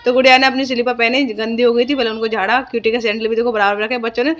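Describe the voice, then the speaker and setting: A woman's voice: on the high side, flat delivery, rapid-fire, lo-fi sound, soft background music. A young woman vlogger, narrating her day in a chatty, homely way with lots of fillers. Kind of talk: casual vlog voice-over narration.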